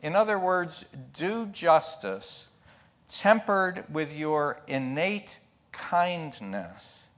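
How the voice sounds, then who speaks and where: Preaching from a church pulpit, this middle-aged or older lay preacher has a higher-pitched, slightly bright voice with lively intonation and stretched-out words. His sermon is thoughtful and forceful, full of questions and passing asides, with distinct hum and noise in the background.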